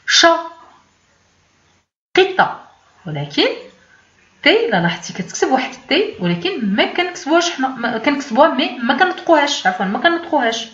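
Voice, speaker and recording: A Moroccan-accented woman gives a beginners' lesson, her higher voice rising and falling as she repeats each word for the learner. She explains patiently in a teacher's cadence. The sound is echoey and slightly dull, like a lo-fi recording in a bare room. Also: very animated, quick pace. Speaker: French teacher. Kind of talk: language lesson.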